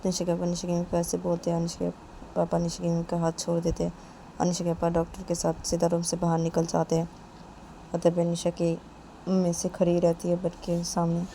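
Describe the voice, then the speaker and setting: A woman's voice: on the low side, warm tone, slight background noise. A woman narrating a love story in casual, repetitive spoken retelling.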